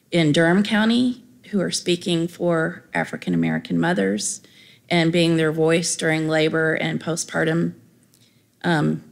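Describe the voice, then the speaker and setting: A woman giving a conference presentation with a gravelly voice and some fillers. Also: on the low side.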